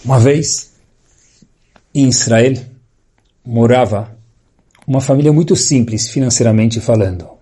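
Soft-spoken man telling a parable. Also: breathy edge. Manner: storytelling with sudden rises in pitch and pauses. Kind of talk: sermon with a told parable.

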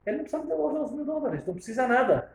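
A man giving a lively lesson on religious law, telling stories and acting out the dialogue with sudden jumps in pitch. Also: very fast, creaky, echoey room, rough recording. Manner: animated, acts out dialogue with sharp pitch jumps.

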